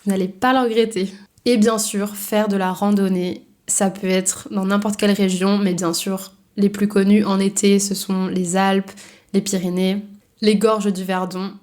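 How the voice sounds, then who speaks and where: A woman's voice: mid-range voice, level tone, measured pace. Chatty young French woman. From France (Brittany). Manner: chatty, gently enthusiastic, with fillers. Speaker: French teacher. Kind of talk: casual chat to camera.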